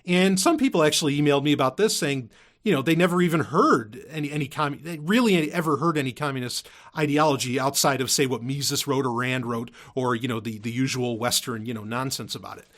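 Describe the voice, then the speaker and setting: Brisk and a bit bright, with a medium pitch, this man hosts a podcast in a loose, unscripted monologue. He rambles with emphasis, repeats himself a lot, and swears in an offhand way.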